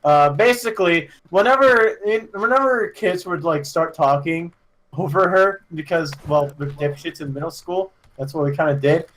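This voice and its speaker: A man co-hosting a casual podcast chat, telling a school story with laughs, swearing and yelled impressions. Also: a little high, normal speed. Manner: laughing, swearing storyteller who mimics yelling. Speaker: podcast co-host.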